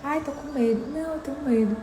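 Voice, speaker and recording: A woman's voice: high-pitched, quick pace, warm tone, pitched above the performer's own voice, natural voice. A woman voicing a timid, worried woman who whines plaintively about being afraid, recorded in an echoey room. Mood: whiny. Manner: whiny, plaintive sighs. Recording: echoey room, faint background noise.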